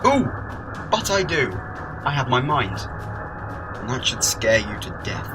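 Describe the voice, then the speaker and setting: A defiant, clever sci-fi hero acted by a man explains things in a wry, theatrical voice of middle pitch. It is an amateur audio drama performance with music playing underneath. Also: very animated, unhurried. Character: quick-witted, defiant male time-travelling alien hero. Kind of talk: fan audio drama acting.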